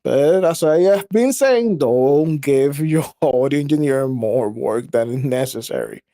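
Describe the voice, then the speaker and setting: A woman judging a voice acting contest, measured and giving practical advice. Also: extremely low pitch, animated, warm tone, no room sound, studio quality. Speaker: judge. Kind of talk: casual livestream chat.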